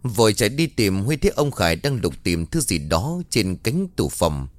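A man narrating a scripted family drama story in a lively, dramatic way. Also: on the low side, normal speed, dry recording. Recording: dry close voice with faint music.

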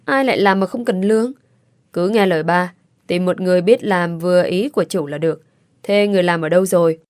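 A woman voicing a stern but soft-hearted older father in a storybook reading, speaking in a gruff, scolding way. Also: fairly low pitch, fairly quick, dry recording, clean studio sound, lightly acted. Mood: grumbling.

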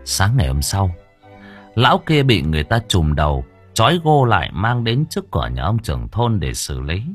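A man narrating a story audiobook in a lively, expressive reading. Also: low-pitched, normal speed, faint music behind.

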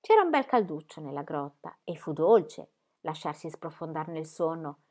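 Woman reading a storybook aloud. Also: sits low. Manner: measured, expressive reading. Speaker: reader of a children's book. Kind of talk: storybook narration.

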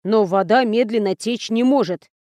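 A woman's voice: medium pitch, normal speed, dark tone, no echo, natural voice. A woman voicing a timid male camera operator with a bad cold, who speaks through his nose. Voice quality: nasal, stuffy. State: sick with a cold.

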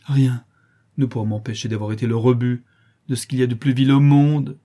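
A man's voice: mid-range voice, steady tone, a little fast, warm tone, natural voice. A man reading the part of a penitent young woman, pleading and anguished, in an audiobook.

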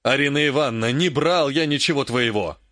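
A man reading an audiobook, voicing an emperor who speaks softly and in a measured way. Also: medium pitch, dry recording, clean studio sound, natural voice. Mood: mild placating. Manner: soft, placating, measured. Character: calm, mild-mannered male emperor, later irritated.

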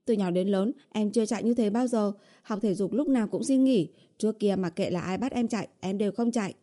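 Casting: woman reading a pleading young woman in an audiobook, coaxing and whiny, with a mellow dark tone. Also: fairly high pitch, fairly quick, pitched above the performer's own voice, close to an everyday voice. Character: young woman, coaxing and whiny, sweet-talking her boyfriend. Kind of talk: audiobook character voice.

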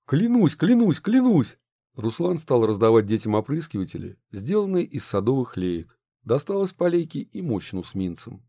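A man narrates an audiobook with expressive storytelling. His pitch moves a lot and his tone is warm. The recording is dry and close. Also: a little fast, gravelly, hardly any pauses, no echo.

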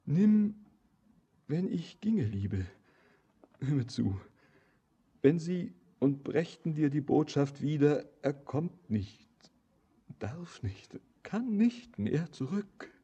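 A brooding young wanderer in a radio play, super husky, slow, voice swings up and down a lot. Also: male voice, a little high, big pitch swings, heavily acted. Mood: brooding, urgent. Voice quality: husky, hushed and intense, dropping often to a whisper. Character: brooding young man, a wanderer who wants to be a miner. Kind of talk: verse radio drama acting.

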